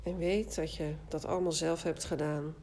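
A woman guiding a body scan relaxation exercise, speaking calmly and soothingly in short phrases with long pauses. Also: deep voice, slight background noise. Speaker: guided meditation instructor.

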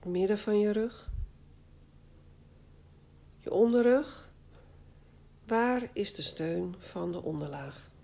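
A guided meditation instructor leads a body scan relaxation, her calm, soothing voice delivering short phrases separated by long pauses. She is a woman with a mid-range voice and some vocal fry.

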